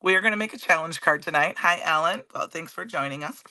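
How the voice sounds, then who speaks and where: A woman with a cold and a raspy, hoarse voice, chatting casually as she hosts a live card-making demo and greets viewers by name. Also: low-pitched, fast talker, sharp tone, no echo. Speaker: card-making livestream host.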